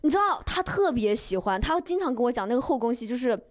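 A woman's voice: a little high, big pitch swings, fast. A woman in a casual podcast chat, talking eagerly and repeating words as she agrees.

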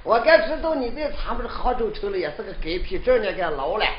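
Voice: medium pitch, very animated, fast, lightly acted. A storyteller voicing a sly, cowardly young man who mocks and then begs, with a Northern Shaanxi accent. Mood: pleading. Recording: roomy lo-fi recording with faint noise.

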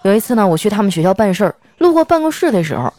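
A woman's voice: medium pitch, sing-song, very fast, mellow, no room sound, faint music behind. A woman host telling funny everyday stories in a playful manner, laughing often. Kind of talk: comic storytelling monologue.

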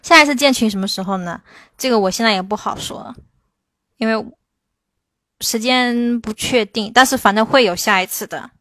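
A woman English teacher answering viewers' questions in a livestream, explaining slowly and stressing her English examples. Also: on the high side, bright, forceful tone, no room sound. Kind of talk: livestream Q&A lesson.

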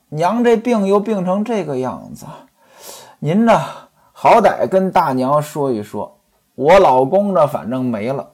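A humble young wet nurse choking back tears, as a male storyteller puts her on, raised in pitch and wavering widely. The voice is slightly husky. Storytelling performance. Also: darkish tone, exaggerated voice.

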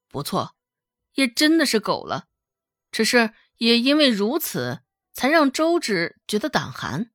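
Expressive woman reading a novel aloud. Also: a little high, dry recording, clean studio sound. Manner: expressive, dramatic. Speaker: audiobook narrator. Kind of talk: scripted storytelling narration.

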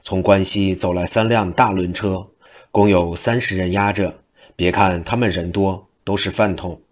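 A storyteller puts on a sly old monk who jokes his way through every order, his voice sitting very low and rumbling. He speaks offhand and teasing, like a master of traditional storytelling. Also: fairly even intonation, moderate pace. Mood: joking. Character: playful old male wandering monk, joking.

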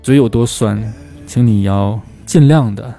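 低沉柔和的男老师. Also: male voice, on the low side, vocal fry, dark tone, faint music behind. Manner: slows down to drill English phrases. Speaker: English pronunciation teacher. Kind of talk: spoken language lesson.

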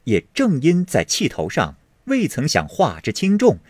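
A man narrating a classic novel as an expressive, dramatic audiobook storyteller. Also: fairly high pitch, unhurried, no room sound, studio quality.

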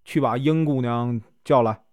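A man's voice: medium pitch, measured pace, no room sound, clean studio sound, lightly acted. A man voicing a deaf, talkative old aunt who fusses over her guest and scolds her giggling girl. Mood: fussy, chatty. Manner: talkative, fussy, scolds loudly.

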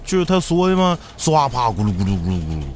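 A man voicing a deadpan, wisecracking assistant in a fan audio drama. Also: medium pitch, fast talker, slight background noise, close to an everyday voice.

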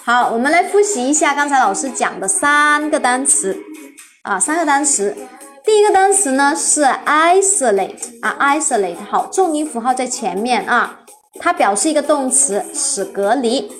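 A woman's voice: high-pitched, animated, normal speed, fairly bright tone, faint music behind. A woman teaching English vocabulary on a live stream, spelling words letter by letter, asking her students questions and praising them often.

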